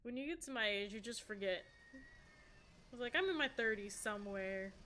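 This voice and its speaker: Bright-voiced woman in her thirties streaming. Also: medium pitch, lively intonation, brisk, a little hiss or hum. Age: 30s. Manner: chatty, rambling, reading chat aloud. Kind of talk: casual live-stream chat.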